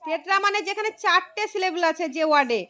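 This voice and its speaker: A woman teaching a primary school class. She calls on pupils by name, repeats key phrases slowly and praises their answers. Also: very high voice, animated, sharp tone. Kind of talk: classroom lesson.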